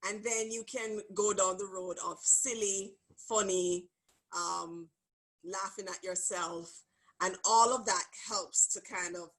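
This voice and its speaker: A woman hosting a group sharing session, telling a funny story in an expressive way and laughing as she goes. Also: medium pitch, poor audio. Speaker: host. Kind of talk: animated storytelling.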